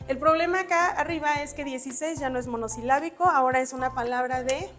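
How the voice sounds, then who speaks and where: A woman's voice: high-pitched, fast talker, a bit bright, soft background music. A woman giving an exam-prep spelling lesson, patiently explaining rules step by step with examples while writing on a board. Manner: writes on a board while talking. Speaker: spelling teacher.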